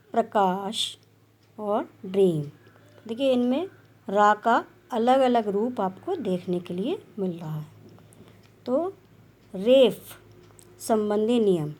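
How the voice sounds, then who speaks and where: A woman's voice: mid-range voice, darkish tone. A woman teaching a grammar lesson, explaining patiently and sounding out syllables one by one. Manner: patient, explanatory, repeats "dekhiye" and "theek hai".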